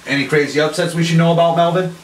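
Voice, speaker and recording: A man's voice: fairly high pitch, fairly even intonation, racing, close to an everyday voice. A man playing a straight-laced, easily baffled sportscaster in a parody segment, with a stiff, formal delivery. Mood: businesslike. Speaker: sports anchor. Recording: echoey, distant mic, faint noise.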